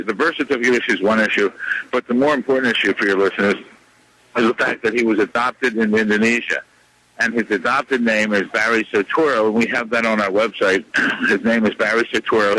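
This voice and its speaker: A man speaking as a radio guest, insistent and combative, repeating his points with many pauses and fillers. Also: fairly low pitch, pushed and bright, rough recording. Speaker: radio show guest, lawyer. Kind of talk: radio interview, phone-in.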